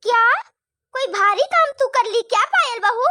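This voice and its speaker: A woman's voice: very high-pitched, animated, normal speed, no room sound, studio quality, full character voice. A woman voicing a nagging, taunting middle-aged mother-in-law in a cartoon story. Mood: accusing. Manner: sharp, taunting, complaining.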